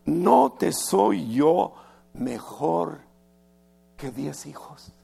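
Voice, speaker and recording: Un pastor haciendo de esposo bíblico tierno y preocupado. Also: male voice, on the high side, animated, very slow, vocal fry, slightly rough, full character voice. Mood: gently pleading. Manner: soft, coaxing questions. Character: tender worried husband from the Bible, gently pleading.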